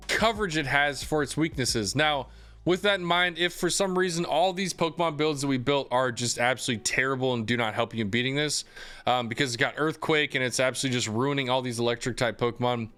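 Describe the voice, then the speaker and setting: Chatty and cheerful, a young male gaming creator walks viewers through a relaxed game guide, leaning on lots of fillers. The voice is mid-pitched, fairly bright, and a touch hoarse.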